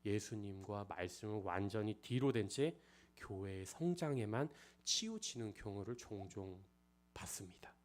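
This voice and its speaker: Man preaching with lively, swinging pitch. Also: normal speed. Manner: frequent rhetorical questions to the congregation; swings between loud emphasis and hushed near-whispers. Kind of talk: expository sermon.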